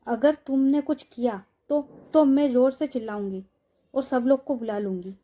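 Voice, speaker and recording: A woman voicing a frightened young woman who pleads anxiously, in a high, mellow voice. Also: normal speed. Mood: pleading.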